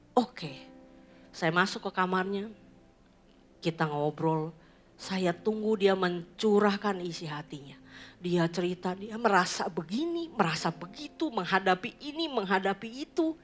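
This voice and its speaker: A woman, preaching a sermon in a church. She tells stories and addresses the congregation, mixing in English phrases. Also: fairly low pitch. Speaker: pastor.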